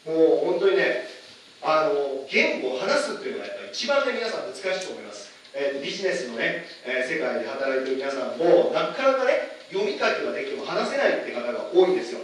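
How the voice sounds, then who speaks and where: A man teaching a lively lecture, asking his audience questions, with many fillers. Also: on the high side, fast. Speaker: English teacher giving a lecture. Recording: echoey room, far from the mic, faint noise.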